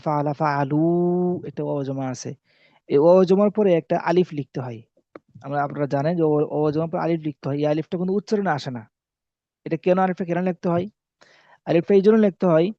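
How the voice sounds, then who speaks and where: A man whose voice sits a little high explains Arabic spelling rules as if teaching a class, repeating the key ideas and raising questions only to answer them himself. The audio has no echo but is dull and lo-fi.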